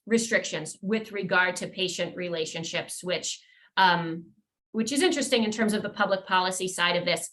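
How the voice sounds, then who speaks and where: A lawyer presenting a professional webinar, she has a mid-range voice with a bit of brightness. She explains things in a measured way, now and then using fillers and restarting sentences.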